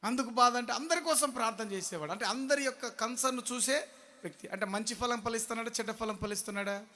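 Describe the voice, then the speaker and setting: A man preaching a sermon, throwing questions at the congregation and swinging between loud shouts and low murmurs. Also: quick pace, long reverb tail.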